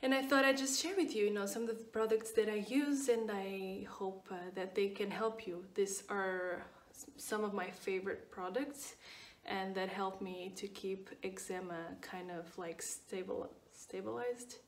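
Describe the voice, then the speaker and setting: This skincare vlogger, a Portuguese woman of 29, talks through her routine in English with her native accent, using plenty of fillers and repeated words. Her mid-range voice stays fairly even and unhurried. She sits far from the mic in an echoey room, with a little hiss or hum underneath.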